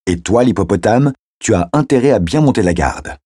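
A man voicing a fierce, protective young woman friend who pleads and shouts sharply. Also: fairly low pitch, animated, moderate pace, slightly rough, dry recording, studio quality, pitched above the performer's own voice. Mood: teasing, bossy.

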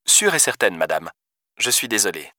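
A man voicing a polite young female hotel receptionist who speaks softly and formally. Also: fairly low pitch, big pitch swings, normal speed, no room sound, clean studio sound, exaggerated voice. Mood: courteous. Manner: soft, formal, courteous.

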